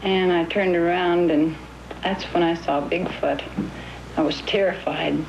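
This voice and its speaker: A woman's voice: lowish voice, fairly even intonation, unhurried, gravelly, lo-fi sound, noisy background. A woman giving an eyewitness account of her own experience. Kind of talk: recounting a personal experience.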